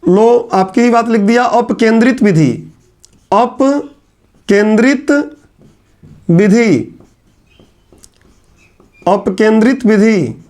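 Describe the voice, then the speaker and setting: A male teacher giving a classroom lecture at a whiteboard. He chats with his students, teases them in asides, and repeats key terms slowly. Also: high-pitched, darkish tone. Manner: chatty, teasing asides to students.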